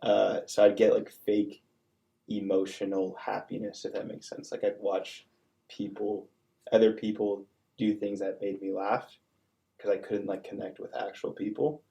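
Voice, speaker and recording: A man's voice: on the low side, little pitch movement, unhurried, vocal fry, mellow, dull audio. A young man, a college student-athlete, talking earnestly in a casual podcast chat with many fillers. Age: young adult.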